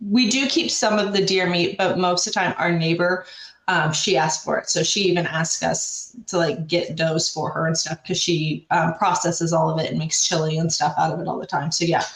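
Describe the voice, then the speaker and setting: A middle-aged woman with a hoarse, smoker-like rasp, chatting casually and candidly in a rambling, mildly salty way as a show host. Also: fairly low pitch. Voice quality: raspy like a chain smoker. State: hoarse from bronchitis. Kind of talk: casual chat. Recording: roomy, echoey sound.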